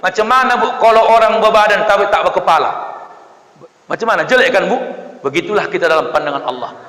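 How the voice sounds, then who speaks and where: A man's voice: sits high, quick pace. A man preaching a humorous sermon, acting out villagers' voices and joking with the congregation. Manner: lively, acts out voices of villagers, jokes with the audience. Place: mosque hall. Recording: echoey hall with long reverb.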